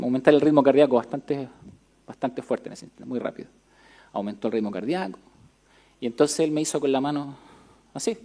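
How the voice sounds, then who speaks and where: A pastor preaches from the pulpit in a church. His voice is dark and warm, and he speaks in a conversational way, hesitating with fillers. When he reads scripture aloud, the reading is steady. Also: medium pitch, creaky. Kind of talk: sermon with personal story and scripture reading.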